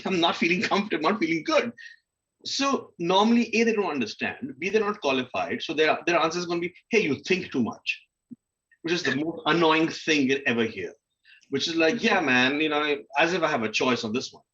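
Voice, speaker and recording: Through a muffled recording comes a man's slightly high, animated voice, a little fast and pushed and bright. He's candid and informal as a panel guest talking about personal experience, often acting out his inner monologue and questioning himself.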